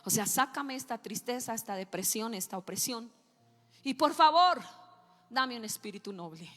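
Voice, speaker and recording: Woman preacher, high voice, fiery then hushed, long church reverb with soft music under it. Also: animated, moderate pace. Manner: impassioned, swings from shouting to hushed whispers. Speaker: pastor. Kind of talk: sermon.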